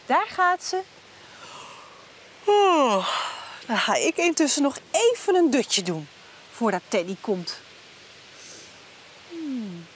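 A woman in her thirties telling a simple story to young children outdoors, with expressive, exaggerated and repetitive delivery. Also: sits high, takes it slowly, long pauses, a little hiss or hum. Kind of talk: improvised storytelling for young children with sing-song chanting. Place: outdoor garden set.

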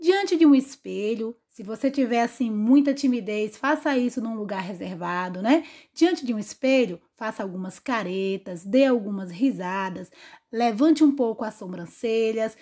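A Brazilian woman teaching a recorded online lesson, her voice sitting high. She explains each point patiently and keeps checking in with her students through little tag questions. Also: expressive, normal speed, dark tone. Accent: Brazilian Portuguese. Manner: didactic, frequent tag questions. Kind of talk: online class lecture.

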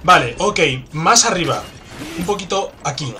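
A man with a Spanish accent from Spain, commentating a game he is playing, excitable and swearing, with sudden loud outbursts. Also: on the high side, moderate pace, a little hiss or hum. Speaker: gameplay commentator. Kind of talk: let's play commentary. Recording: game music in background.

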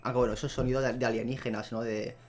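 Casting: young man, mid-pitched, chatty gameplay commentator who talks to his viewers, with faint music behind him. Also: fast. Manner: chatty, talks to the animals and viewers, easily excited. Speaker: gameplay video host.

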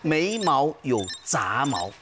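A man's voice: medium pitch, slow pace, heavy background noise. A man giving emphatic, point-by-point explanations of face reading on a variety show. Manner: lively, emphatic listing of points. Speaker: face-reading expert guest. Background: loud background music.

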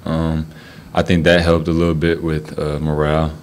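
A young college basketball player talks into a table mic at a postgame press conference. His voice is deep and fairly monotone, and he pads his answers with plenty of "um" and "you know". A faint hiss sits under the room sound. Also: normal speed. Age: young adult. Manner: low-key, many fillers.

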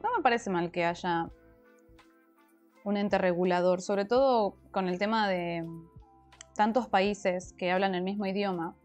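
Over soft background music, an Argentine woman with a Rioplatense accent reads comments and chats with viewers while crafting on a livestream. Once a language teacher, she's talkative, answers her chat and explains at length, her medium-pitched, darkish voice a little slow with long pauses. Allergies leave her sounding slightly congested.

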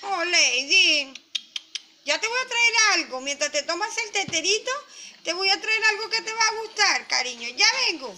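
A woman's voice: extremely high pitch, animated, moderate pace, background noise. A woman with a Latin American Spanish accent, hosting a toy channel and playing mother to a crying baby doll in a sweet, coaxing voice.

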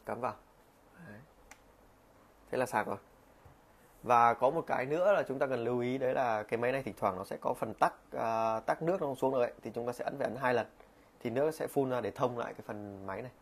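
A man's voice: medium pitch, fast talker. A man casually demonstrating a coffee maker at his desk, talking with lots of fillers and restarts. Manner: chatty, frequent fillers and restarts. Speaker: product reviewer. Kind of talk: casual product demo vlog. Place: small room at a desk.

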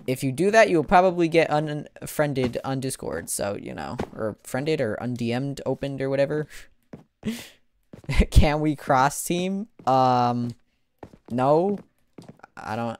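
Excitable gamer guy, slow and lively. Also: medium pitch, slight background noise. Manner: excitable, exclaims and laughs during play. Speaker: gaming livestreamer. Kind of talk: casual gaming livestream commentary.

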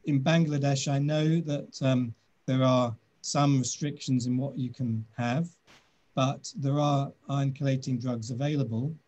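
A man in his sixties with a British accent, a doctor answering webinar questions on a video call from his office, speaking in a measured, thoughtful way with many pauses. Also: mid-range voice, steady tone, darkish tone, lo-fi sound.

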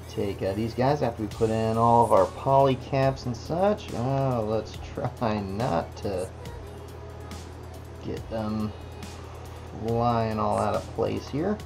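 At an indoor workbench, a man casually walks through building a model kit, relaxed and talking to the parts as he works. His voice is fairly low and creaky, with a music bed playing beneath it.

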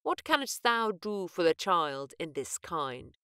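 A woman's voice: on the low side, big pitch swings, takes it slowly, sharp tone, clear, resonant tone, no echo, studio quality, exaggerated voice. A woman voicing a stern male colonial governor who speaks formally and with command.

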